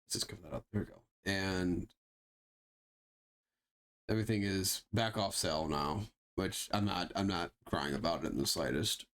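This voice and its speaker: Low-voiced chatty male streamer, swearing. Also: moderate pace, a bit bright. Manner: chatty, swears freely, sarcastic asides; talks to himself while browsing and fiddling. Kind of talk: casual live gameplay commentary.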